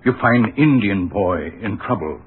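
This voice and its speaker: A slow, stoic Tonto on old radio. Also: male voice, lowish voice, animated, slight background noise. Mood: calm. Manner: slow broken clipped speech. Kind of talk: 1940s radio acting. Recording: tinny lo-fi old radio broadcast.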